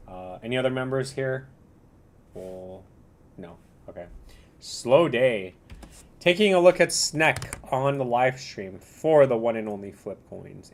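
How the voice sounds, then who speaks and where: A man hosting a casual livestream commentary, talking in a slangy bro style with a rambling, halting delivery. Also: fairly low pitch, a little hiss or hum. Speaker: livestream host reviewing cryptocurrency charts.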